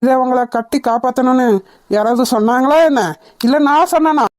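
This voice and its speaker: Woman playing a cartoon young man, indignant, firm, slightly high voice, dry recording. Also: fairly quick, dry recording. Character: defiant young man claiming his home. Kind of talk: cartoon dubbing.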